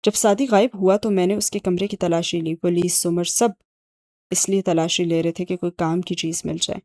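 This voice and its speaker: The reader is a woman whose mellow voice sits fairly low with fairly even intonation. Voicing a sharp, sardonic young man who has an ex-agent uncle, she delivers his scheme explanations with wry, dry sarcasm. Her voice is natural, with no echo.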